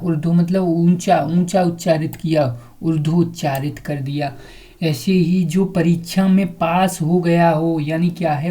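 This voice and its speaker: A woman's voice: deep voice, warm tone. A woman teacher giving an exam prep lesson, repeating words and answering her own questions as she drills vocabulary.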